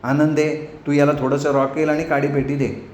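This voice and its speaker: A man's voice: a little high, flat delivery, darkish tone, close to an everyday voice. A man voicing a stern old village grandmother. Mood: scolding. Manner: brisk scolding, commanding. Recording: echoey room, faint noise.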